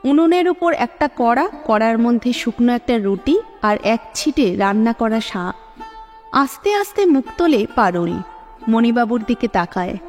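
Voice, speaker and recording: A woman storyteller reading a story aloud in an expressive, dramatic way, with a long reverb and soft sitar music behind. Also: a little high. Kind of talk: scripted story narration.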